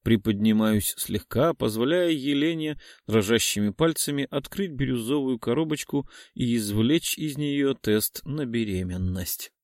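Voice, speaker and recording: A man narrates a romance audiobook in a steady, intimate voice of medium pitch. The recording is dry and close. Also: measured pace, few pauses, no room sound. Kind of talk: scripted narration.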